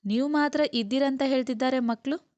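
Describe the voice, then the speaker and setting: A woman reading the lines of an eager, dutiful young man who answers quickly, in a storybook reading. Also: high-pitched, a little mellow, no echo, muffled recording, pitched above the performer's own voice, lightly acted.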